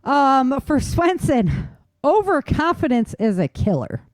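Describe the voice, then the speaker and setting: A talk show host and author chats casually about survival tips, telling things informally with slangy emphasis and repetition. Her voice sits high with wildly swooping pitch, and she takes it slowly. There's no room sound.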